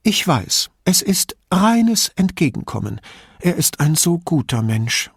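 A man's voice: very animated, takes it slowly, vocal fry, breathy edge, no room sound, clean studio sound, heavily acted. A man playing a chatty frail old widow. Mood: confiding. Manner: rambling, confidential, lowers voice to a whisper.

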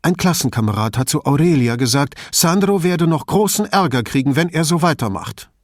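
A man's voice: a little high, expressive, no echo, clean studio sound, voice pushed up, close to an everyday voice. A man voicing a worried, defensive woman professor who talks about her son in a storybook reading. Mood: anxious. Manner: tense and quick to bristle.

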